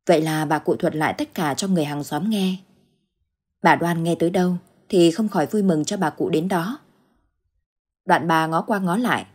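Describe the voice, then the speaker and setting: A woman narrating a ghost story in steady, measured scripted storytelling. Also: fairly low pitch, husky.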